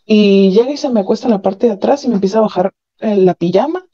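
Mellow-voiced woman on a muffled call. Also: mid-range voice, fast talker, husky. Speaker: caller sharing her experiences. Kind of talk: candid personal testimony over a call. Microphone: phone or call line.

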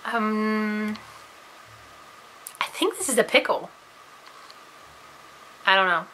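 Woman vlogger, chatty and giggly, bright forceful voice, casual talk to camera. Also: medium pitch, slow pace, a little hiss or hum, low-quality recording. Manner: chatty, giggly, self-deprecating. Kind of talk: casual vlog, tasting candy on camera.

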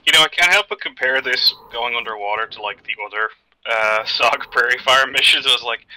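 A man in casual gaming chat over voice comms. He talks fast in a medium-pitched, very bright, forward voice. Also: poor audio. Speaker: gamer in co-op military shooter.

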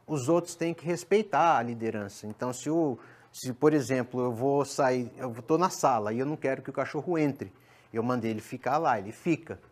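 A man's voice: mid-range voice, fairly quick. A Brazilian man, a dog trainer, explaining on a TV show with many restarts and tag questions. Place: TV studio.

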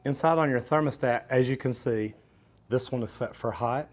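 In a metal-walled storage unit, a middle-aged man who works as a plumber demonstrates a job hands-on, explaining things practically through a lapel mic. He speaks at normal speed in a mid-range voice. His manner is plain and practical, and he calls viewers "guys."

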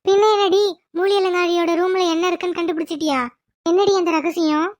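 Woman as teasing cartoon sidekick: very high, sharp-tongued, mocking. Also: steady tone, brisk. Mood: curious.

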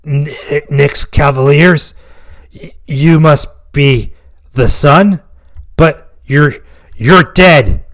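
A man's voice: fairly high pitch, very slow, voice pushed up, exaggerated voice. A man voicing a dying, spiteful mercenary. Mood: desperate disbelief. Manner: gasping, stammering, rising to shouts. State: weak and wounded. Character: dying male mercenary commander, bitter and spiteful.

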